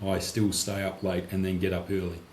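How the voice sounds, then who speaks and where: A man's voice: low-pitched, completely flat delivery, a little fast, a little mellow. A middle-aged man chatting casually as a podcast host. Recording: roomy echo, faint background noise.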